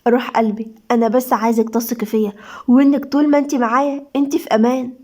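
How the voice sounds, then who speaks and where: A woman's voice: a little high, fairly even intonation, rapid-fire, mellow, natural voice. A woman voicing a romantic, reassuring young husband with an Egyptian accent in an audio love story. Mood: tender. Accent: Egyptian Arabic. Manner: affectionate, soothing.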